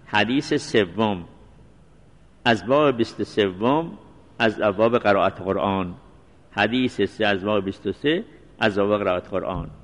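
A male seminary teacher giving a religious law lecture, repeating references slowly and mixing in recited phrases. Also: lowish voice. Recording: long reverberant hall sound.

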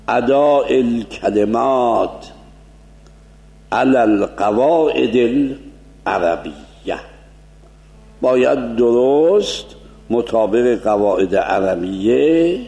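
A man teaching a seminary lecture as a cleric, explaining points and slowly demonstrating Arabic pronunciation. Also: mid-range voice, creaky, mellow, reverberant.

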